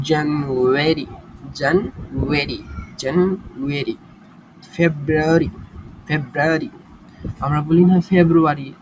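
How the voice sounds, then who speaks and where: A man giving a casual spoken English lesson, drilling words again and again, with quick asides between the drills. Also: on the high side, a little hiss or hum, rough recording. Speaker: self-taught English learner teaching basics.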